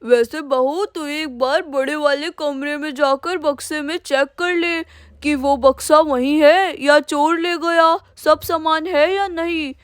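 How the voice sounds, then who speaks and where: A woman's voice: high-pitched, steady tone, slow, no room sound, clean studio sound. A woman doing an old village grandfather. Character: old village grandfather, worried head of house. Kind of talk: doll cartoon storytelling.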